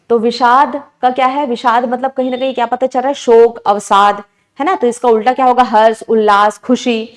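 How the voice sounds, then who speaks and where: A woman teaching an exam-prep lesson, explaining each answer step by step and constantly asking her students questions. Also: fairly high pitch.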